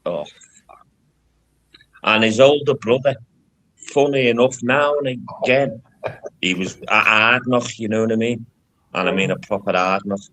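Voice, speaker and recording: A man's voice: fairly low pitch, a little slow, pauses often, pushed and bright, poor audio. A middle-aged man, a guest in casual live-stream chat, telling long stories and swearing freely.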